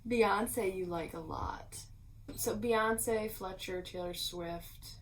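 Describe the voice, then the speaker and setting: Slow-talking laid-back woman. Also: mid-range voice, low-quality recording. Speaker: vlogger. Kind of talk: casual chat. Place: home room.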